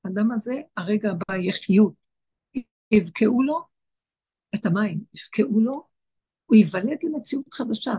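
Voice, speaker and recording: A woman's voice: mid-range voice, lively intonation, pauses often, mellow, slightly rough. A woman giving an impassioned spiritual teaching to a group, repeating her phrases for emphasis. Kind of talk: Torah teaching to an online group.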